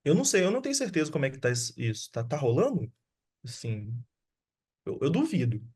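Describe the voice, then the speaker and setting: A man's voice: fairly high pitch, fast, slightly rough. A man, a guest filmmaker talking casually over a video call, loose and slangy, often restarting his sentences. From Sabará, Brazil. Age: 30s. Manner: relaxed, slangy, with frequent restarts. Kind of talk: casual online conversation.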